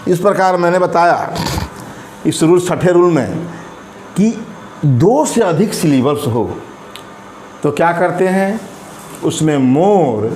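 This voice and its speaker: Teacher guy, slow and repeats everything, kinda echoey room. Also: fairly high pitch, a little mellow. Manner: slow, repeats and spells out words, stretches examples. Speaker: English teacher. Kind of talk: grammar lesson. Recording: echoey room with faint ambient noise.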